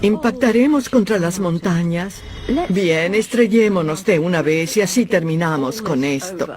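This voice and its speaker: High-pitched anxious airline passenger. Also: male voice, a little slow. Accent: Latin American Spanish. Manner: string of fearful rhetorical questions. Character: anxious male passenger recalling fear of crashing.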